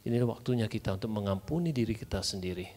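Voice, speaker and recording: A man's voice: on the low side, animated, fast, mellow. A man preaching a Sunday sermon in church, telling a personal story with strong feeling and mixing in English phrases. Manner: emotional personal testimony, mixing in English phrases, clears throat often.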